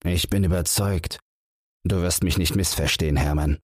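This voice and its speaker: A man voicing a quiet, melancholy man who speaks softly and hesitantly in a husky voice. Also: sits low, fairly even intonation, no room sound, clean studio sound. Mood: pleading. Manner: soft, measured, hesitant.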